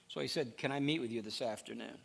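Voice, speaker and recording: A man's voice: medium pitch, quick pace, vocal fry. A middle-aged male pastor preaching in a conversational way, telling stories and acting out quoted dialogue, with frequent restarts. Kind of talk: conversational sermon.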